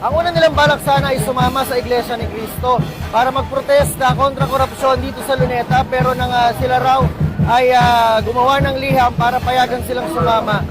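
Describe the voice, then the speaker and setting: High-pitched Filipino man reporting live over loud music. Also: steady tone, fairly quick, poor audio. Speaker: TV field reporter. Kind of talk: live news field report. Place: outdoors on a busy city street. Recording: loud music and crowd noise behind. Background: loud music, crowd, street traffic.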